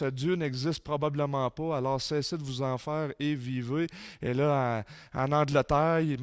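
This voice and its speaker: A man with a Québécois French accent giving a sermon-style talk in a church, reading quotes with rising force and dropping low for emphasis. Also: clean tone, no room sound, studio quality. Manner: reads quotes aloud with rising intensity, drops low for emphasis. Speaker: conference speaker.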